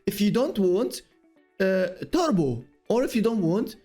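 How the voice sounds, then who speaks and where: A man hosting a casual streamed podcast talks in a high voice, stopping and restarting as he hunts for words. Faint music plays under him. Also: very animated, mellow. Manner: halting, restarts, non-native phrasing. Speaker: podcast host.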